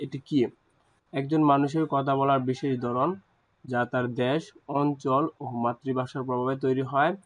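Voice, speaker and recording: A man's voice: medium pitch, lo-fi sound. Man explaining a language lesson. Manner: hesitant, frequent fillers and restarts. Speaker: language teacher.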